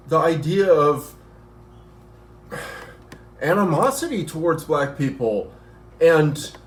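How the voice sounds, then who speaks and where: A man's voice: fairly high pitch, slight background noise. A man in an argumentative rant to camera, out of breath from working out as he talks. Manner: animated, argumentative, working out while talking. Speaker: vlogger. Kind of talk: ranting commentary to camera. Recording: echoey room.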